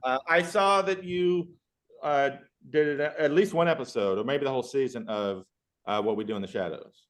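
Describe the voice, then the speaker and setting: A man's voice: medium pitch, normal speed. A male podcast host with a mid-range voice in casual chat. He asks long, rambling questions with plenty of enthusiasm and stops to restart his thoughts.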